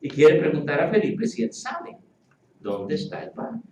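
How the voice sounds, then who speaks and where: Male pastor, animated and playful sermon delivery, heard from a distance in a roomy church. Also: a little high, unhurried, slight background noise. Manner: animated, playful, acts out quoted voices. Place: church hall with congregation.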